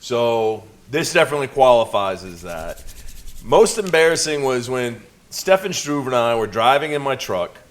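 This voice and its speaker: A man's voice: medium pitch, moderate pace. A man co-hosting a podcast, telling crude stories and teasing his partner in casual chat. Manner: crude, teasing, animated storyteller. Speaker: podcast co-host, promoter.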